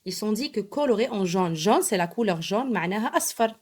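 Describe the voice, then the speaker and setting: Woman, patient teacher, emphatic slow explanations, spells letters one by one. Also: mid-range voice, animated. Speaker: primary school French teacher. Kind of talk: bilingual lesson explaining an exam.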